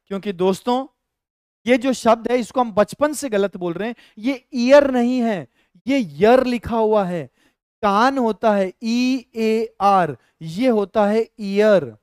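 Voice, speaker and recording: A man's voice: high voice, a little mellow, clear, resonant tone, dry recording, clean studio sound. A male teacher with a Rajasthani Hindi accent, explaining grammar step by step in a live online lesson and talking to viewers as friends.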